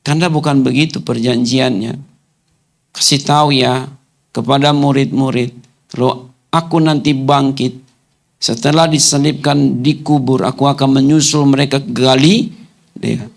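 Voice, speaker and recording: A male pastor preaching a sermon to his congregation, firing off rhetorical questions and rising into commanding, almost shouted lines. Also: mid-range voice, steady tone, measured pace, vocal fry. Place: church hall.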